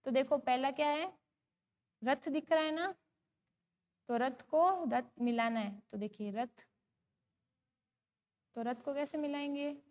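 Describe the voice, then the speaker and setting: A woman with a Rajasthani Hindi accent teaches a class of young children, with a high, clear pitch. She speaks very slowly, drawing out each chanted line of verse. She often poses a question and answers it herself. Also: darkish tone. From India. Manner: chants poem lines slowly, asks and answers her own questions. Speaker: primary school teacher. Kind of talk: slow recited Hindi lesson for young children.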